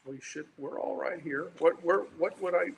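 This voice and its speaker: A man talks basketball in a casual, rambling way and keeps restarting his sentences. His voice sounds hollow and echoing, as if he were in a tunnel. It is gravelly and sits a bit high. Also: normal speed, a little hiss or hum. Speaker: co-host of a basketball talk stream. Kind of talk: casual sports chat.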